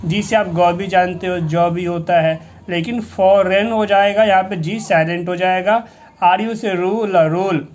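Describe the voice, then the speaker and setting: A man's voice: sits high, steady tone. A male English teacher giving a reading lesson, spelling out each word letter by letter and repeating it patiently. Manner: spells words out letter by letter, drawing syllables out slowly.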